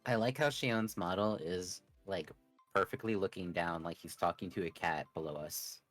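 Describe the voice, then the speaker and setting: Man, very deep voice, dry jokes, casual stream chat, faint music. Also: moderate pace, fairly bright tone, no room sound, rough recording. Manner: dry joking remarks. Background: faint background music.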